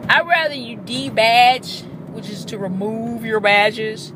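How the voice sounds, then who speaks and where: A woman's voice: fairly high pitch, takes it slowly. Chatty woman talking while driving. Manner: chatty, profane, animated storytelling. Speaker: vlogger. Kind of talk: casual chat while driving. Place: inside a car in traffic. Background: faint car and road noise.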